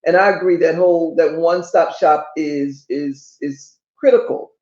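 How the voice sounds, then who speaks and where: A woman's voice: low-pitched, fairly even intonation, normal speed, dark tone. An older woman hosting a podcast, chatty and enthusiastic, repeating her points for emphasis. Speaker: podcast host. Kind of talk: casual interview chat. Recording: roomy, dull lo-fi sound.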